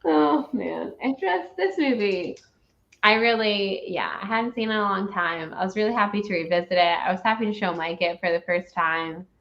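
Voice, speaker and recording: A woman with a creaky, fairly bright, mid-range voice speaks at normal speed while hosting a movie review show. She rambles casually and emphatically, airing strong opinions, and the recording is dull and lo-fi.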